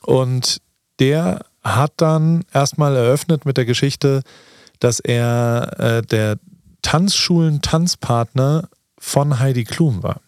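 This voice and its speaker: A man's voice: mid-range voice, takes it slowly, darkish tone, dry recording, studio quality. A man in his forties co-hosting a podcast in casual, joking chat, rambling along playfully. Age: 40s. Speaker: podcast co-host. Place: podcast studio in a restaurant. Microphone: studio podcast mic.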